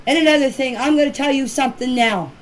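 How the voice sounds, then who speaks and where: High-pitched and fast-talking, a woman in her fifties leaves an informal phone voice message, with a little hiss or hum, about a case. The community member is plainspoken and earnest, driving points home by repeating them.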